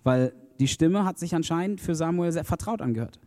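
Man, casual sermon, chatty asides, soft dark tone, echoing hall. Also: fairly high pitch, a little fast. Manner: relaxed and conversational, with fillers and asides. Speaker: preacher. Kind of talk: casual sermon with Bible reading.

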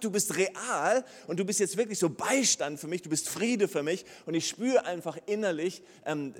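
Male preacher, slightly high voice, animated storyteller, church hall reverb. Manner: lively storytelling preacher, acts out the characters' lines. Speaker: pastor. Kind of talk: sermon.

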